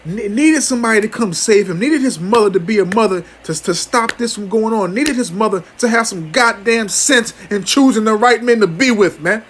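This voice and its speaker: A man's voice: high voice, normal speed, few pauses, a bit bright, slight background noise. A man giving an angry, profane commentary on scripture as a teacher, stammering through restarts and ending almost every phrase with "man".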